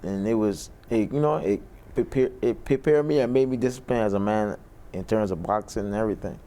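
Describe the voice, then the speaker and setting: A man's voice: fairly low pitch, brisk, mellow. A man from Barbados, a boxer answering interview questions in a laid-back way with short answers and fillers in a studio. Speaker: boxer guest.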